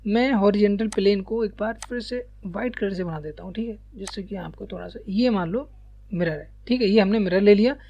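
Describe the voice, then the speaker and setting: A man teaching a lesson, walking students through a diagram step by step and often pausing to check that they are following. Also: high voice, mellow, lo-fi sound. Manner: repeats checks like "ठीक है" and "ध्यान रखिएगा", sprinkles English terms.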